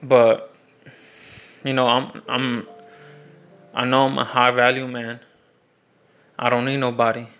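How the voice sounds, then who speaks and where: Rambling young man with a bright, flat voice. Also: mid-range voice, takes it slowly, pauses often, faint music behind. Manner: rambling, many restarts and fillers, frank. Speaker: vlogger. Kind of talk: casual storytelling monologue.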